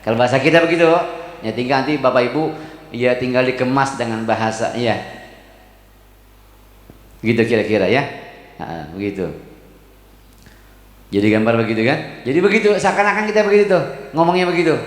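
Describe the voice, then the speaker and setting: A man with a Betawi accent preaching in a mosque, reciting Arabic slowly and then explaining it in casual slang. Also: mid-range voice. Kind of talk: mosque sermon. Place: mosque hall. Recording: echoey mosque hall.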